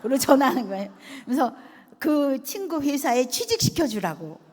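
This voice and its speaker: Pastor's wife, testimony speaker: animated storyteller who acts out quoted dialogue, recorded in a reverberant hall. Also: female voice, high voice, normal speed. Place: large hall at a retreat resort.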